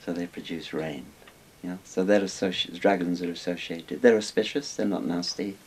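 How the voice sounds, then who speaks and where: Here the Welsh expert on Chinese dragons, an older man, talks at a normal pace with a voice that sits low. He explains casually and discursively from a small room lined with books, over hissy background noise.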